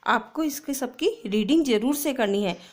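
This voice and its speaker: A woman teacher giving a children's phonics lesson, reading words and dictating homework slowly and with clear syllables. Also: a little high.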